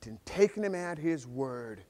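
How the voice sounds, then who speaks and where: High-voiced pastor preaching in a reverberant hall. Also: male voice, unhurried. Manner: animated storytelling, swings from loud to hushed. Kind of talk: sermon. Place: church hall. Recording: long reverb of a large hall.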